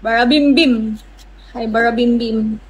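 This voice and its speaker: A woman's voice: on the high side, a little slow, lo-fi sound. A woman hosting a casual livestream, with a playful, teasing manner, greeting viewers by name and chatting with them. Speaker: livestream host. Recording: steady background noise.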